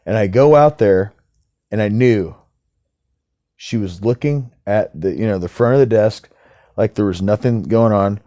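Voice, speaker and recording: A man's voice: fairly low pitch, measured pace, long pauses, mellow, no echo. A man talking in a casual monologue to camera as a vlogger, ranting heatedly and swearing.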